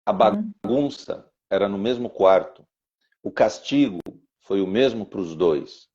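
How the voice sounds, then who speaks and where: A man's voice: fairly low pitch, lively intonation, slow pace, a little mellow. A man teaching on a podcast and telling a personal story, with rhythmic repeated phrases and stammered restarts. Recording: dull lo-fi sound.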